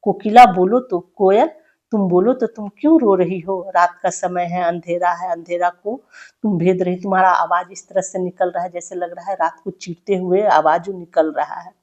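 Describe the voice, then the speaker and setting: A woman's voice: lowish voice, steady tone, normal speed, a little mellow, muffled recording. A woman teaching a Hindi poem, reciting each verse with emphasis and then explaining it in loose, conversational speech full of fillers.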